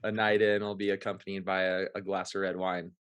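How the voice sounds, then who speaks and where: A man hosting a webinar panel, relaxed and easygoing, with lots of ums. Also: sits low, brisk, clean tone. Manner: relaxed, easygoing, filler-heavy. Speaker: webinar host. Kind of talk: casual hosting. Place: remote webinar call. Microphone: video call.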